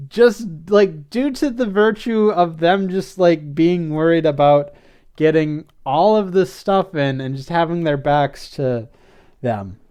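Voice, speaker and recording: A man's voice: high-pitched, a little mellow. A man hosting a podcast, casually recapping a cartoon episode, rambling with frequent filler words and restarts and laughing often. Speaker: podcast host.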